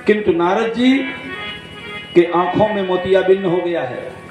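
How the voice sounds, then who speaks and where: A man giving a devotional sermon, acting out dialogue in jokey anecdotes and slowly chanting verses, recorded through a PA at a large outdoor gathering. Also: high voice, darkish tone. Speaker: Bhagwat katha storyteller. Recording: echoey PA sound with faint instrument music.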